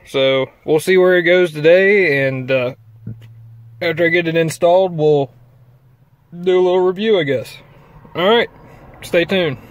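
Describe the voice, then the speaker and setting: Speaking in a fairly high voice, a little slowly and with long pauses, a man vlogs casually about a truck part he installed, the recording sounding dry. He rambles folksily with fillers while filming on a handheld phone, both inside the truck and outside by a trailer, reviewing truck accessories in a walkthrough style.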